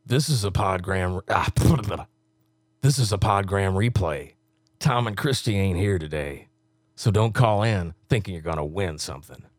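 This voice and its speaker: A man recording radio station promos in a deep announcer read, joking and laughing between takes. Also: moderate pace, no room sound. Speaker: radio voice-over talent recording station liners.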